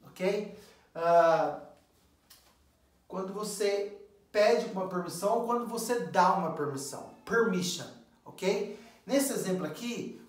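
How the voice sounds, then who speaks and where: A man's voice: sits high, distant mic. A man with a Brazilian accent teaching English, drilling phrases over and over and telling viewers to repeat after him. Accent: Brazilian Portuguese. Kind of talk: video English lesson in Portuguese. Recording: very echoey room, voice away from mic.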